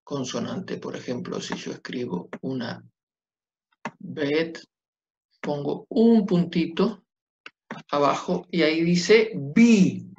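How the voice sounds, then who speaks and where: Man, fairly high voice, slow patient whiteboard lecture, dull lo-fi classroom recording. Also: expressive, a little mellow, a little hiss or hum. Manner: patient, checks understanding with tag questions. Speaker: Biblical Hebrew teacher.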